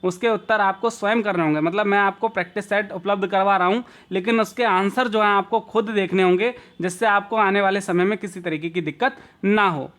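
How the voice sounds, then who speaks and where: Young male teacher from India, high voice, patient exam-prep lecture that rephrases every answer. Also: a bit bright. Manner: explains slowly, repeats and rephrases answers, drawn-out examples.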